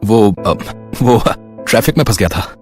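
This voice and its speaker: A woman voicing a shy, uneasy young husband in a storybook tale, speaking in a lowered, husky voice. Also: lively intonation, unhurried, a little mellow, soft background music. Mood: awkward. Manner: hesitant, then stern. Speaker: narrator voicing a character. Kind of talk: storybook narration.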